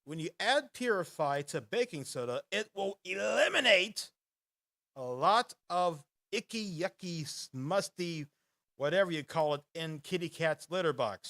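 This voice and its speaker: On a relaxed live podcast, the host rambles between quiz questions and laughs frequently. He has a booming radio-style voice with a fairly bright tone.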